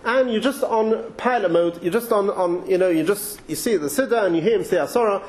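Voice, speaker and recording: A man's voice: high-pitched, a little fast, a little mellow. A man with an English accent giving an informal Torah talk, chatty and thinking aloud with frequent restarts and asides. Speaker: Torah teacher.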